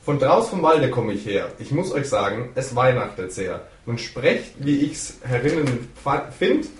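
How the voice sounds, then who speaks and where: A man reading a Christmas poem aloud slowly and deliberately, stumbling and correcting himself now and then. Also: mid-range voice, big pitch swings, distant mic. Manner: slow, deliberate recitation with small slips. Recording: echoey room, away from the mic.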